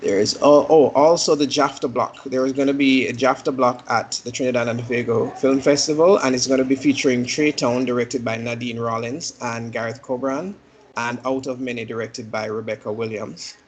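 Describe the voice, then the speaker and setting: A man hosting an online meeting, listing films in a relaxed, hesitant way with lots of fillers. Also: medium pitch, normal speed, poor audio. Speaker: meeting host. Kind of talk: casual meeting announcements.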